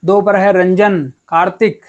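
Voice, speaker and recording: Male teacher with a high voice, talks casually and warmly coaxes students through a live class. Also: fairly even intonation, unhurried, lo-fi sound. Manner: chatty and encouraging, calls students beta and yaar. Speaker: online chemistry teacher.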